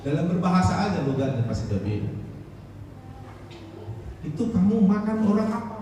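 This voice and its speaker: A male pastor, preaching a sermon with dramatic swings in pitch. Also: very animated, moderate pace, warm tone, slight background noise. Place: church hall. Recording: echoey hall, distant mic.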